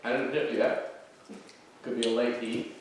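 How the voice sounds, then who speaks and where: A man's voice: medium pitch, little pitch movement, moderate pace, distant mic. A man giving casual commentary as he tastes food. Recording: very echoey room, off-mic, noisy.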